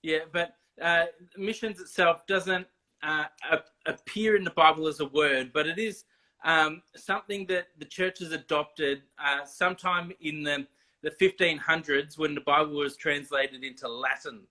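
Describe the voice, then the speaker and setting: A man talking as a guest in a casual video chat, explaining deliberately with many ums and restarts. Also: a little high, fairly even intonation, bright, forceful tone. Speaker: missions guest.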